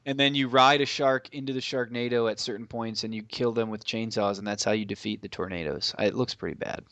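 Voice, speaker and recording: Podcast guy, blunt and sweary, mid pitch, dry close mic. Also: fairly even intonation, brisk, fairly bright tone, no echo. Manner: blunt, swears, laughs often. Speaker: podcast co-host. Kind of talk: casual chat.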